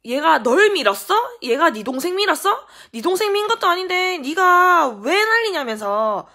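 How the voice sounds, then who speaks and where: A woman voicing an angry middle-aged neighbor mother who yells and scolds. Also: mid-range voice, lively intonation, moderate pace. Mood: furious scolding. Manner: yelling, scolding.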